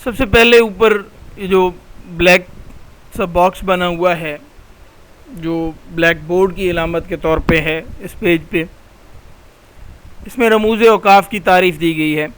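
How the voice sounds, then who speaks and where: A man's voice: sits high, fairly bright tone, smooth. A middle-aged man with a Pakistani Urdu accent, teaching a recorded slide lecture, patient and explanatory, repeating key terms.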